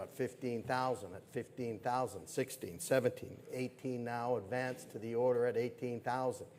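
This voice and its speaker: A man's voice: mid-range voice, darkish tone. A man working as a fine art auctioneer, calling bids in a repetitive, salesmanlike patter at a live sale. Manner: brisk salesman's patter, repeating numbers. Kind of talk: live auction calling with repeated bid figures.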